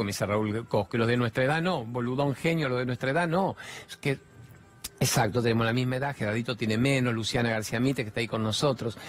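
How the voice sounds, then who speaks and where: A middle-aged man with a Rioplatense Spanish accent gives a spiritual self-help talk in a mid-range voice. He is emphatic, poses rhetorical questions, and uses colloquial slang.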